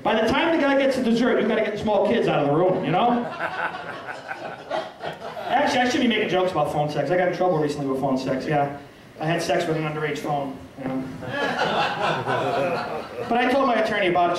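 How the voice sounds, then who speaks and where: A man doing a self-deprecating stand-up comedy set of punchy one-liners in a small restaurant. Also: sits high. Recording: echoey room, far from mic, crowd laughing.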